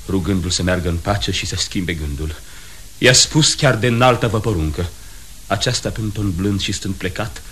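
A man's voice: on the low side, a bit bright, slight background noise, lightly acted. A man voicing an earnest young nobleman in a radio play, recounting a deadly sword fight in careful detail. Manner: measured, detailed retelling. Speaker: Benvolio.

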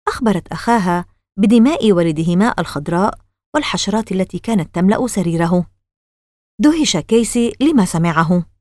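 A woman narrating a children's novel aloud with expressive storytelling. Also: lowish voice, no room sound. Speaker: audiobook narrator.

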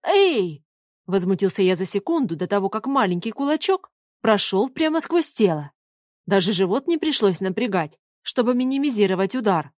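A woman reading a first-person story as an audiobook narrator, in an even storytelling manner. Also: mid-range voice, brisk, no echo, clean studio sound.

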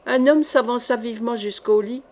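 A woman narrating a classic swashbuckling novel in a measured, expressive reading voice. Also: on the high side. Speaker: audiobook reader.

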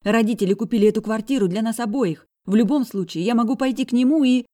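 A woman voicing a defiant eighteen-year-old girl, shrill and indignant in an audiobook. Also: fast, mellow, natural voice. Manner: shrill, indignant, pushing back. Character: bratty defiant young woman, hot-tempered.

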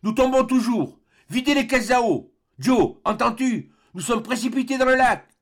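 A man's voice: expressive, normal speed, creaky, slightly rough, full character voice. A man crying out as Doctor Fergusson, a commanding balloonist. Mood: alarmed shouting. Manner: urgent, shouted orders pitched far above the narration.

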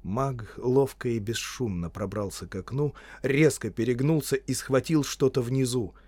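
A man reading a novel aloud as audiobook narrator, with an expressive reading style. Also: mid-range voice, normal speed, no echo. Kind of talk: scripted narration.

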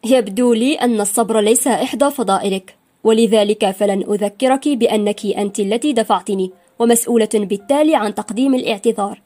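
A woman's voice: mid-range voice, steady tone, darkish tone, natural voice. A cold, mocking arrogant man, voiced by a woman. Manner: cold, sarcastic and unhurried.

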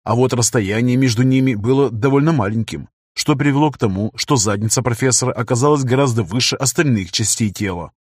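A man narrates an audiobook with a wry, storytelling touch. His voice is husky and mid-pitched. The recording is dry and close. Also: fairly quick, few pauses, no room sound.

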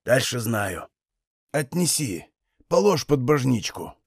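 A man reading an audiobook, voicing a stern, gruff old Cossack father who gives commands in a low, hushed voice. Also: big pitch swings, slow pace, dry recording, studio quality, full character voice. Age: older.

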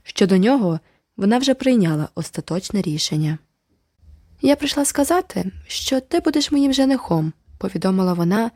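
Low-voiced woman narrating an audiobook. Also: mellow, no room sound, clean studio sound. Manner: measured storytelling. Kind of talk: scripted narration.

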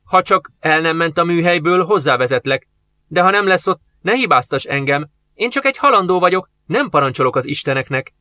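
A man's voice: a little high, lively intonation, bright, forceful tone, dry recording, pitched above the performer's own voice. A man reading an audiobook, voicing a timid young slave boy who sounds anxious and pleading.

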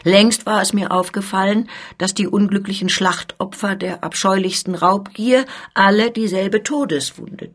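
A woman reading the part of a proud, soldierly male count who is a guard colonel, in a measured, emphatic manner. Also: on the low side, husky.

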